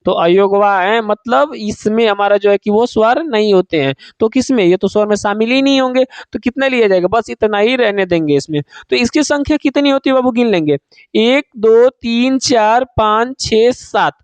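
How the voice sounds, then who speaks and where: Male Hindi tutor, very high pitch, dry close sound, drills students with repeated questions. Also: normal speed, clean tone, no room sound. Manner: asks students questions and answers them himself; calls students "babu", repeats key points. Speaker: Hindi teacher. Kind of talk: online exam-prep class.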